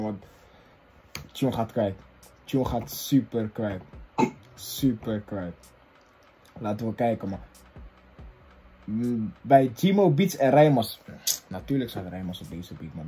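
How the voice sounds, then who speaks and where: A man hosting a reaction video, chatting casually in excitable, slang-heavy street talk that swings from loud bursts to low mumbles. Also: moderate pace, long pauses, slight background noise.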